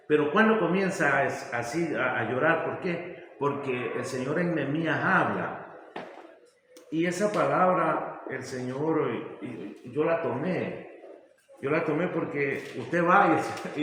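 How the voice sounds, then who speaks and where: A man from Ecuador sharing a personal faith testimony in a halting, emotional way, with many restarts. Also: medium pitch, a bit bright, a little hiss or hum. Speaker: church member giving testimony. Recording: very echoey hall.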